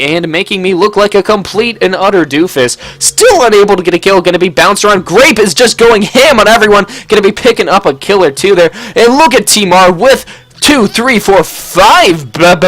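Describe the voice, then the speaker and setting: A young man giving jokey, casual play-by-play commentary on an online match, talking quickly and tripping over his words now and then. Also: high-pitched, fairly bright tone, no room sound. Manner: rapid, jokey play-by-play with stumbles. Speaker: game commentator. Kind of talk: casual live game commentary.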